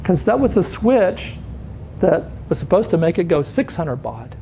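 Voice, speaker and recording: Older guy on stage telling old work stories, slightly high voice, does little voices for people, bit of hiss. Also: measured pace. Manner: animated anecdotes, acts out quoted voices. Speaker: conference speaker. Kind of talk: storytelling talk. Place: conference hall.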